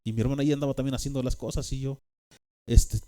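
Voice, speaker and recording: A man's voice: mid-range voice, fairly even intonation, fast, dark tone. A man with a Mexican accent telling a personal testimony, rambling with fillers and tag questions. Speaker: speaker giving a personal testimony.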